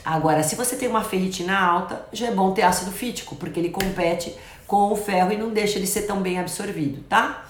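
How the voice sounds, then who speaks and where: A woman's voice: mid-range voice, fast talker, a little hiss or hum. Chatty woman doctor, roomy echo. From Brazil. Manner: chatty, reads comments aloud and gives friendly advice. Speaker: doctor hosting a live Q&A. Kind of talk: casual live stream answering viewer comments.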